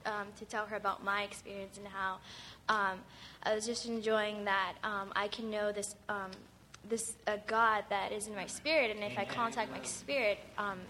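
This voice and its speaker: Halting woman sharing a testimony. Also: medium pitch, fairly even intonation, pushed and bright, slight background noise. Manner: halting, many filler pauses.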